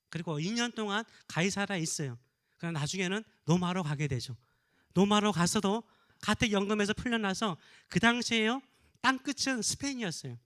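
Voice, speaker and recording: A man's voice: high voice, bright, forceful tone. A middle-aged male pastor preaching a fervent sermon, repeating his exhortations and calls to believe.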